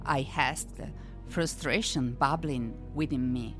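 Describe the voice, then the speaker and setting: A woman narrating a first-person storybook tale with an expressive, unhurried reading. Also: very deep voice, faint music behind.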